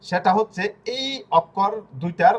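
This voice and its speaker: A man's voice: high voice, normal speed, dull audio. A man with a Bangladeshi Bengali accent, teaching an online language class and spelling out sounds patiently.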